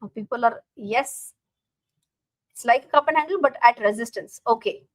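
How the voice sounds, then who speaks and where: A woman's voice: on the high side, normal speed, dry recording, rough recording. A woman with an Indian accent hosting a casual live stream as a teacher, speaking directly to viewers and often repeating her phrases.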